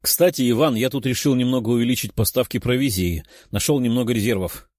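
A man's voice: mid-range voice, quick pace, darkish tone, dry recording, clean studio sound, lightly acted. A man voicing a polite, earnest young nobleman who speaks formally. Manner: formal, courteous.

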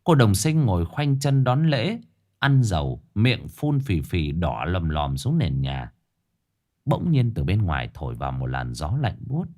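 A man narrating a scripted ghost story in a dramatic, expressive storytelling manner. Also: deep voice, unhurried.

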